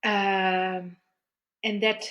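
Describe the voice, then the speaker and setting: A middle-aged woman appearing as a guest therapist shares her personal story in conversation. Her medium-pitched, fairly bright voice stays level, and the highs are cut off. She speaks haltingly, repeating words while searching for her thoughts.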